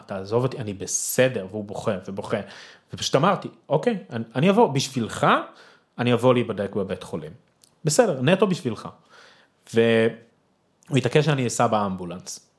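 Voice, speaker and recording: A young man, a podcast guest, telling a personal story with emotion and acting out his own past shouts. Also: mid-range voice.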